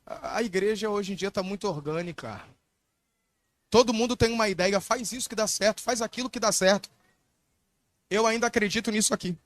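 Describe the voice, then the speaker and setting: High-voiced emphatic male pastor. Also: a little fast, pauses often, no room sound. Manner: emphatic, repetitive preaching with dramatic storytelling. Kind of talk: sermon.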